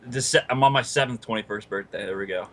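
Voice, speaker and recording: A man appears as a guest on a gaming podcast with a somewhat low voice. He talks in a laid-back, hesitant way and fills his pauses with "uh". His tone stays casual and friendly.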